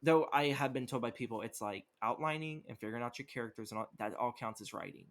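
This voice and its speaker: A man's voice: medium pitch, fast, fairly bright tone. A young man co-hosting a podcast, chatting casually about what he has been reading, rambling with lots of fillers and swearing. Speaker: podcast co-host. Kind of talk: casual chat.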